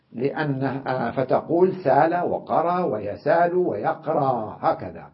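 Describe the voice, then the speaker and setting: A sheikh teaching an Arabic grammar lesson, explaining patiently, often asking "tamam?" and repeating example words slowly with drawn-out fillers. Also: male voice, medium pitch. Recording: muffled lo-fi lecture recording.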